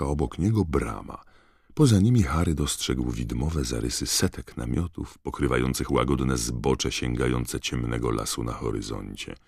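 Very deep gravelly male narrator. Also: darkish tone, no room sound, clean studio sound. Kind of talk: audiobook narration.

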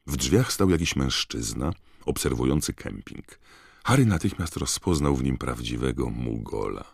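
A man narrating an audiobook with a measured, gravelly storytelling voice. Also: very deep voice, expressive, no echo, clean studio sound.

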